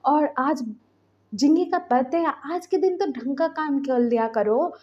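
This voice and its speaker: A woman's voice: sits high, measured pace, darkish tone, lo-fi sound. A woman voicing an adult man who scolds his partner out of worry, in an exasperated tone. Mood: scolding.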